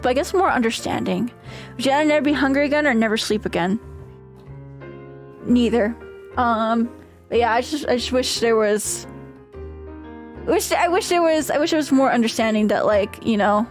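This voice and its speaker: A woman with a very high, girlish voice chats casually on a livestream in a cute anime streamer style. She is playful and tends to repeat herself as she answers viewers. Music plays behind her. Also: moderate pace, pauses often. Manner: giggly, repeats phrases.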